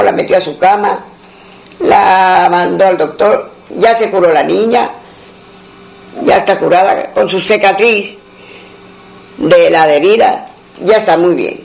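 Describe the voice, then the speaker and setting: A man's voice: high-pitched, creaky, rough recording. A man telling a traditional folk tale in a rambling way, full of asides and restarts. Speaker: storyteller.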